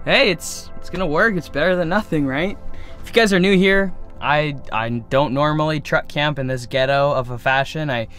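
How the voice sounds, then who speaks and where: At night inside a truck camper, a young man chats casually to the camera in a fairly bright voice on the high side, at a normal speed. He's laid-back and joking in this vlog. The camera mic picks him up at close range, with faint music in the background.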